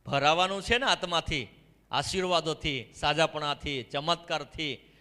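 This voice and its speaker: Bright-voiced preacher in an echoey hall. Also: male voice, on the high side, normal speed. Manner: impassioned preaching with call-and-response. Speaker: pastor. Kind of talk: fiery sermon.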